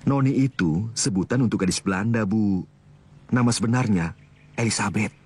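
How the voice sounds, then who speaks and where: A cocky young son. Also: male voice, fairly low pitch, moderate pace, a little mellow, slightly rough. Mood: dismissive. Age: 20s. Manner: teasing, laughs off his parents. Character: young man back from the city, dismissive and cocky. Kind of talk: TV drama acting.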